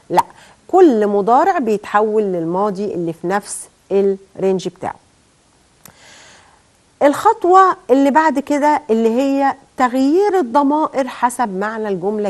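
Egyptian woman English teacher, slightly high voice, walks through grammar step by step and draws out the example sentences. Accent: Egyptian Arabic. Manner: explains step by step, asks and answers her own questions. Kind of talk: recorded grammar lesson.

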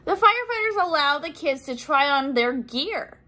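A young adult woman with a high-pitched voice reads a children's picture book aloud at normal speed. She is animated and expressive, acting out sound effects and exclamations and adding simple explanations.

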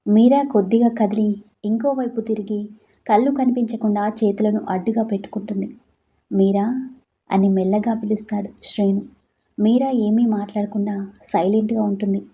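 Brief: female narrator for a heartfelt story, warm dark tone, gentle delivery. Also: medium pitch, level tone, brisk, breathy edge.

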